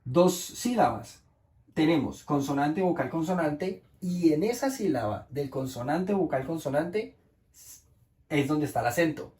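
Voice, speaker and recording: A man's voice: a little high, darkish tone, reverberant. A man teaching English grammar in Spanish, explaining rules patiently and checking in with the class.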